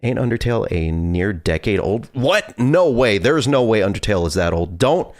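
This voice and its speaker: A man's voice: fairly low pitch, big pitch swings, moderate pace, no room sound, clean studio sound. A man in his twenties live-streaming a horror game with casual, nervous, scared commentary and some swearing. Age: 20s.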